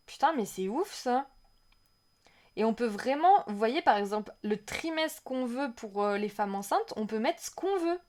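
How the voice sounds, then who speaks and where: A woman streaming a casual reaction to a game trailer, chatting with her viewers and reading their messages aloud in an excitable, rambling way. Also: fairly high pitch.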